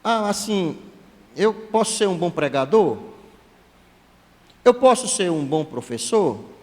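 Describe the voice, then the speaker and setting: A church elder preaching to his congregation, chatty and full of humorous asides. His voice sits high for a man and moves widely in pitch. The sound carries a long reverb from the church hall. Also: slow. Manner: lively, conversational preaching with asides and self-deprecating jokes. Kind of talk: sermon.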